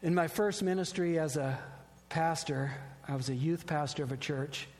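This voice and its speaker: Middle-aged male pastor, slightly raised pitch, earnest sermon delivery, long church reverb. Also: normal speed. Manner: earnest, warm preaching with personal stories. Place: church sanctuary.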